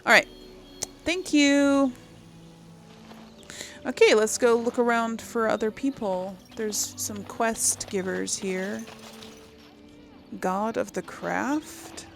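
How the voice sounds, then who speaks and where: Soft music plays behind a gaming video host as she casually narrates her gameplay, thinking aloud, murmuring to herself and reading item text aloud. Her mid-range voice is creaky and steady, and she talks at a slow pace.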